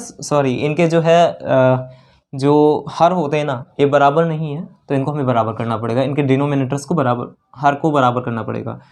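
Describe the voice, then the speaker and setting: This maths lesson comes from a man with a North Indian accent and a medium-pitched, darkish voice. He explains as he solves, going step by step, repeating important phrases, and regularly asking brief questions to check understanding.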